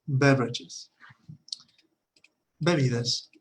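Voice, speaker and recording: A man's voice: medium pitch, very slow, a little hiss or hum. A man teaching an online language lesson, patiently repeating words for his students to drill. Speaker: English teacher.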